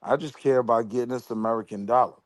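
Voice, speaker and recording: A man's voice: mid-range voice, fairly even intonation, fast, over a noisy crowd. A man calling into an open panel who argues his view earnestly in slangy casual speech. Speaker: panel caller. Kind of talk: casual debate.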